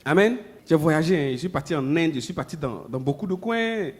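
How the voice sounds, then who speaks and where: A man preaching a sermon, talking conversationally with the congregation, repeating himself, and moving between loud emphatic peaks and low murmured asides. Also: expressive, fairly quick. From Ivory Coast.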